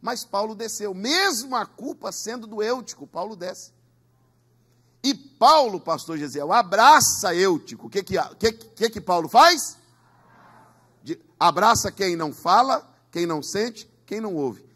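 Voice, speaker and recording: A man's voice: high-pitched, lively intonation, unhurried, pushed and bright, breathy edge. A man preaching a Pentecostal sermon in a church, emphatic, with call-and-response. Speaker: pastor.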